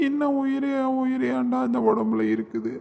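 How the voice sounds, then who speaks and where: Cartoon role: a performer playing a devastated middle-aged dad, high and gravelly, wailing. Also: flat delivery, measured pace, darkish tone. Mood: grief-stricken. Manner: sobbing, lamenting, creaky high voice. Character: grieving middle-aged father, heartbroken and wailing. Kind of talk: cartoon drama voice acting.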